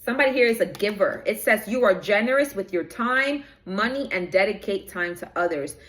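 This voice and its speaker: A woman's voice: mid-range voice, lively intonation, brisk, a bit bright. A woman giving a preachy spiritual reading straight to her viewers, rambling and losing track of her notes as she goes. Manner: preachy, direct address to viewers; rambling, loses her notes mid-talk. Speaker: spiritual reader. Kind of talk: inspirational reading to camera.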